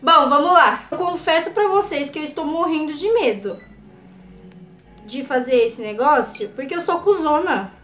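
A Brazilian woman with a Brazilian Portuguese accent reacting on camera, jumpy and excitable, scared and trembling, swearing and laughing as she talks. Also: sits high, normal speed, roomy sound, faint music behind. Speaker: YouTuber. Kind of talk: reaction video chat.

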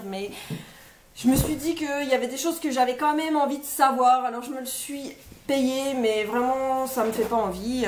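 A young woman with a high voice talks slowly and hesitantly, stopping often on fillers as she works through a list of books. She sounds like she is in an echoey room with a faint hiss behind her. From France. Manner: hesitant, many fillers, lists titles one by one. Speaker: book vlogger. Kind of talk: casual chat presenting books.

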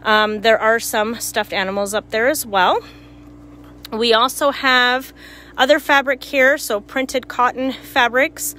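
A woman's voice: a little high, fairly even intonation, takes it slowly, sharp tone, a little hiss or hum. A woman giving a casual walk-through tour of a shop's goods as a store worker. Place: small cluttered shop, indoors. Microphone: handheld phone.

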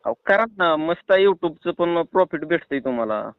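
This man's fairly high voice is expressive and smooth, moving at a normal speed with no echo. He's a prank caller with a rural Maharashtrian Marathi accent, talking casually and persuasively on a tinny phone call while sounding reassuring.

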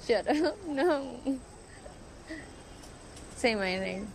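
A woman's voice: on the high side, big pitch swings, drawn-out words, creaky, slight background noise, heavily acted. An actress in her twenties with a Colombian accent, playing a playful young woman teaching a visitor to pronounce words. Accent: Colombian Spanish. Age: 20s. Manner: teasing, patient, laughs easily. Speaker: lead character. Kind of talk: film dialogue.

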